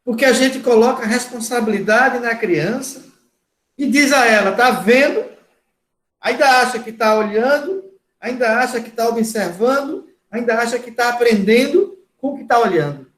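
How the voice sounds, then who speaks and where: A man giving a lecture to a class, talking loudly and repeating words for emphasis. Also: very high voice, normal speed, roomy sound. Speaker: course instructor.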